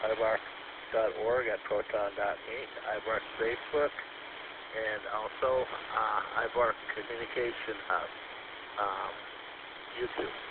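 A man's voice: fairly low pitch, slow pace, phone-quality sound. A man making a club announcement over a scratchy two-way radio transmission full of static. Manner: reads out club details in a steady, informational way. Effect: scratchy radio transmission with heavy static. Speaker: radio club member giving an announcement on the net.

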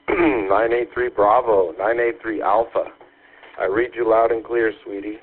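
A man's voice: lowish voice, fairly even intonation, measured pace. A man working as a radio operator, giving casual call-sign replies over a crackly two-way radio. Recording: tinny narrow-band radio.

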